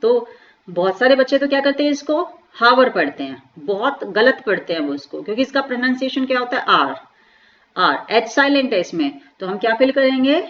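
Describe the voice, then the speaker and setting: A woman teaching English grammar in a lecture, asking rhetorical questions and slowly spelling out words. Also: fairly high pitch, highs cut off. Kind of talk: classroom lecture explaining grammar.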